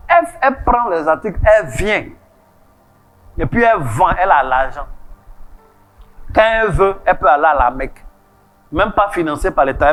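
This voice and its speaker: A man preaching a sermon, animated, with sudden loud high bursts and soft asides. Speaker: pastor.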